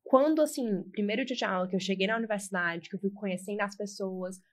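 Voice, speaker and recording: A young Brazilian woman from Ceará, speaking with her regional accent as a podcast guest. She tells her stories in a lively, chatty way and doubles up her words for emphasis. Her pitch sits at an ordinary middle level for a woman. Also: fast. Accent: Ceará Brazilian Portuguese. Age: 20s. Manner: animated storyteller, repeats words for emphasis. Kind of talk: casual podcast interview.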